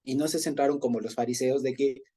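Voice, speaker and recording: A man's voice: medium pitch, steady tone, fast talker, dark tone. A man with an Ecuadorian accent teaching an informal Bible study, talking conversationally, chuckling often and checking in with his listeners. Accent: Ecuadorian Spanish.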